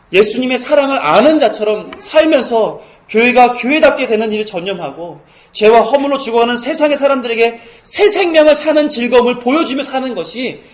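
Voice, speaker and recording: A middle-aged man preaching a sermon as pastor, earnest and rising to fervent emphasis. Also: sits high.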